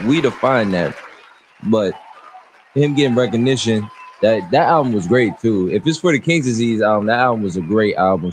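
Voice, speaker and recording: Relaxed tipsy man hosting a live chat. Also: on the low side, slight background noise. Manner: laid-back, gives shout-outs, tipsy. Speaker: livestream host. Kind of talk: casual live discussion.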